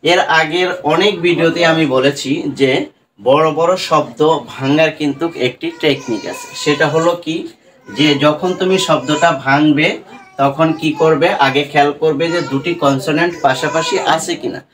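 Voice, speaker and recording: A man with a Bangladeshi accent leads an online English pronunciation lesson in Bengali. His voice sits slightly high, and he spells each word letter by letter. A faint hiss of background noise runs underneath. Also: moderate pace. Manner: spells words letter by letter, asks "right?" often. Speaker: English teacher.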